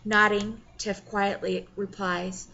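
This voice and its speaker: A woman narrating an audiobook in the first person in a wry, expressive way. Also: mid-range voice, takes it slowly, muffled recording, a little hiss or hum.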